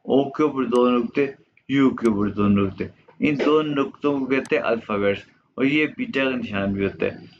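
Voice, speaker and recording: A man whose first language is Urdu, teaching a German lesson slowly and patiently, repeating each word for his students. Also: medium pitch, lo-fi sound, background noise.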